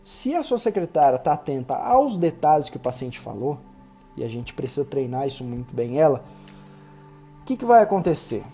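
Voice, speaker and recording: Fast-talking Brazilian podcast host. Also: male voice, a little high, sing-song, dark tone, soft background music. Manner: fast-talking, instructive, addresses listener directly. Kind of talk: solo podcast talk.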